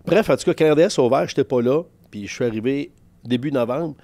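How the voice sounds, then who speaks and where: A man's voice: mid-range voice, fast talker, a little mellow. A man in his fifties with a Québécois French accent, a sports journalist guest telling career anecdotes with quoted dialogue. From Quebec. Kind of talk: casual podcast interview storytelling.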